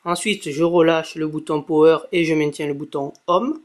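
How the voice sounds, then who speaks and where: A man's voice: on the high side, steady tone, moderate pace. A young man giving a casual spoken tech tutorial, chatty, with many fillers and self-corrections. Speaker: tech video blogger. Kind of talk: casual screen-recorded tutorial.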